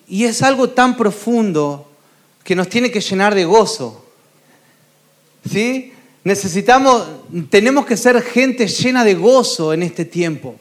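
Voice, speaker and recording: A man preaching a sermon, his voice sitting notably high for a man. He speaks as a pastor, earnest and encouraging, and keeps checking in with his listeners as he goes.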